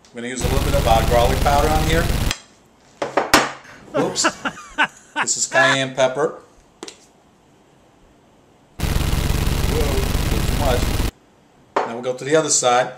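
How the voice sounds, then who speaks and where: A middle-aged man talks his way through a home cooking demo in a chatty, upbeat manner. His voice sits at an ordinary pitch. The kitchen sounds echoey, with loud frying and sizzling behind him on a camera mic. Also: fairly even intonation, slow, pauses often, very noisy. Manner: chatty, upbeat, talks while working at the stove. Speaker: home cooking show host. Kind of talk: casual cooking demonstration.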